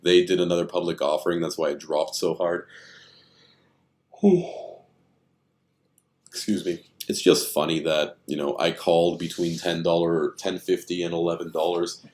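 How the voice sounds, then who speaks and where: Man, very low voice, tired, rambling chart commentary, lots of fillers. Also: level tone, fairly quick, darkish tone. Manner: rambling, thinking aloud with many fillers. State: tired and yawning. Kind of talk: casual screen-share chart commentary.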